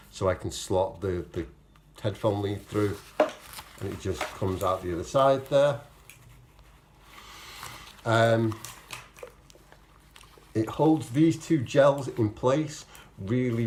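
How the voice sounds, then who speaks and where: A man with a mid-pitched voice chats informally to camera in vlog style. His explanations ramble and double back as he corrects himself, often acting out what he was thinking. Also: darkish tone, a little hiss or hum. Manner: rambling, self-correcting explanations with acted-out quotes of own thoughts. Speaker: vlogger, amateur marathon runner. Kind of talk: casual, chatty vlog to camera.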